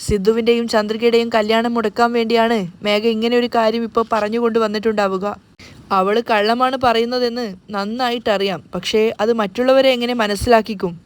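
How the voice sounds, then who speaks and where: A woman voicing a troubled older man, head of the family, speaking slowly with worry. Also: on the high side, fairly even intonation, lightly acted. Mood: worried. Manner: slow, worried.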